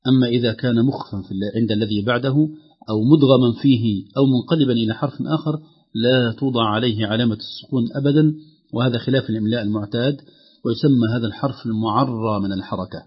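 A man teaching Quran recitation, calmly explaining the rules and slowly reciting examples aloud. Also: medium pitch, husky. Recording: dull lo-fi radio sound.

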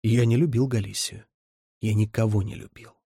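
A man reading the lines of a guarded young male ruler with dry humor, in a low, terse delivery. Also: fairly even intonation, moderate pace, vocal fry, dark tone, husky, dry recording. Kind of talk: audiobook character reading.

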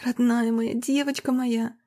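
A woman's voice: on the high side, little pitch movement, a little slow, dark tone, voice pushed up. A woman voicing Marina, an adult woman holding back her anger in a cold, controlled way, in a read-aloud story. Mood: tender. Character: Marina, a tense adult woman fighting for a foster girl.

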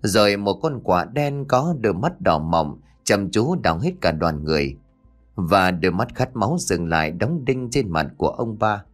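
A man narrating a horror story for an audiobook in an expressive storytelling manner. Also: fairly low pitch, moderate pace, soft background music.

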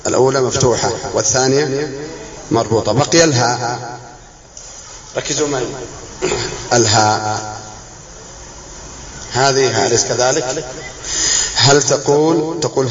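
A man teaching a class, slow and patient, repeating examples and firing questions at his students. His voice sits at an ordinary pitch and is caught in an echoey room on dull, muffled audio, with students audible around him. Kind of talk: classroom lesson on spelling.

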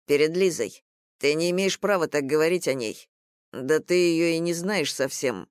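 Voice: medium pitch, moderate pace, clear, resonant tone, no echo, clean studio sound, lightly acted. A reader voicing a stern, haughty man who speaks curtly.

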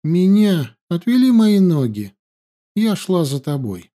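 A man voicing a young princess who accuses and weeps, her voice raised high and pleading. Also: big pitch swings, slow, warm tone, heavily acted. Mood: accusing. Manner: accusing, tearful, high-pitched. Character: young grieving furious princess woman.

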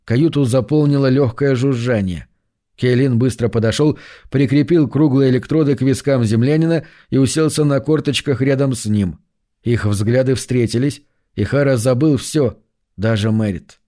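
A man narrating a science fiction audiobook in an even, measured way. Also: mid-range voice.

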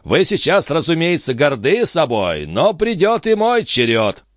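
Irritable wounded nobleman, blustering and gruff, read by a male narrator. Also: medium pitch, big pitch swings, moderate pace, fairly bright tone, no echo, studio quality, pitched above the performer's own voice. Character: hot-tempered wounded male viscount, cursing.

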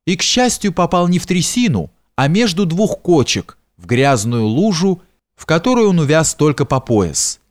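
A man narrating a historical novel in a measured storytelling manner. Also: a little high. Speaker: audiobook narrator.

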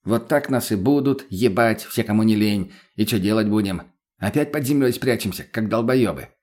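A man's voice: on the low side, moderate pace, darkish tone, close to an everyday voice. A man voicing a crude, mocking drug addict who swears constantly. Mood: cocky. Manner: foul-mouthed, cocky, mocking.

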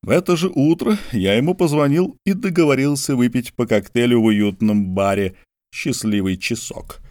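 A man reading a story aloud as an audiobook, wry and ironic in his delivery. His pitch moves about freely as he tells it. The sound is dry and close, with no room around it. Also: darkish tone, dry recording. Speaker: audiobook narrator. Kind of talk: scripted story narration.

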